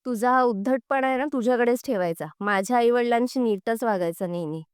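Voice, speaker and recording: A woman's voice: fairly high pitch, brisk, smooth, dry recording, clean studio sound, natural voice. A woman reading the lines of a firm, devoted young daughter-in-law in a serial recap. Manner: firm, rebuking.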